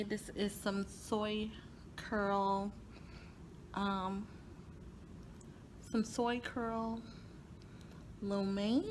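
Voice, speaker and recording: A woman's voice: mid-range voice, noisy background. A woman hosts a casual cooking vlog, chatting and laughing at herself while tasting her food. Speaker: cooking channel host.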